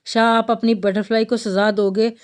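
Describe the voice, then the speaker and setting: A woman's voice: fairly high pitch, flat delivery, close to an everyday voice. A woman reading a timid, childlike young girl. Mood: pleading. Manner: soft, pleading. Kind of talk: novel read aloud.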